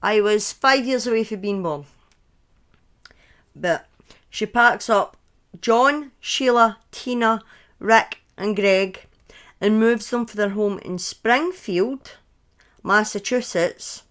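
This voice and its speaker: Slow and mid-range, with long pauses and a fairly bright tone, a woman in her thirties speaks in a Scottish accent. Her live stream covers true crime stories told casually, full of chatty asides and self-corrections.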